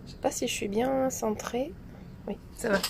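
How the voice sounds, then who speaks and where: A woman hosting a casual coloring tutorial livestream, chatty and hesitant with many fillers and soft asides. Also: on the high side, normal speed, gravelly, noisy background.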